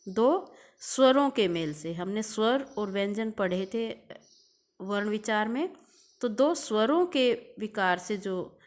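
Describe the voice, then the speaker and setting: A woman teacher giving a recorded grammar lesson, drawing out examples and repeating key terms. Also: medium pitch.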